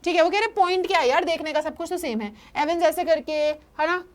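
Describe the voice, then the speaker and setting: Young female teacher with a high voice, retells a story chapter in a conversational way. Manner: reads English lines slowly, then explains in quick Hindi. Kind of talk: Hindi-English chapter explanation.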